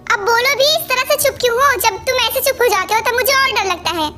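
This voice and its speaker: A woman's voice: very high-pitched, a little fast, pushed and bright, pitched above the performer's own voice. A woman voicing a touchy young girlfriend in an amateur fan dub, with a sulky, reproachful tone. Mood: anxious. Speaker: fan dubber. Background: faint music.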